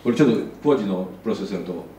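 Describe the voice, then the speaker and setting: A man's voice: deep voice, expressive, racing, mellow, roomy sound, recorded from a distance, a little hiss or hum, low-quality recording. A man giving a casual slide lecture as an architect, chatty, with many asides.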